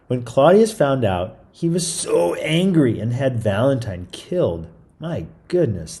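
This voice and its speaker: A man with a mellow, medium-pitched voice hosts a story time as a read-aloud storyteller. He reads the picture book in a relaxed, chatty manner, with minor stumbles and asides.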